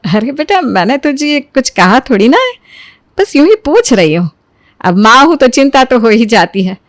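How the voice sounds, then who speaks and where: A woman's voice: sits high, sing-song, moderate pace. A woman voicing a worried middle-aged mother who frets and scolds her daughter. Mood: coaxing. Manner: fretful, scolding.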